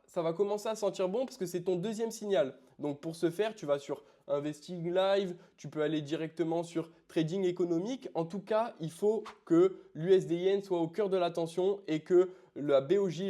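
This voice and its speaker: This male forex trading educator has a high-sitting yet dark-toned voice. Explaining a trading strategy while pointing at charts, he speaks informally, calls the viewer "tu," and leans heavily on small fillers such as "du coup."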